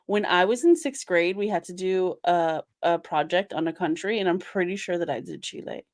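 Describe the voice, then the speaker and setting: A woman's voice: on the low side, moderate pace, no room sound, studio quality. Sassy, playful woman host. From Puerto Rican heritage. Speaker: podcast host. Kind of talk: casual chat.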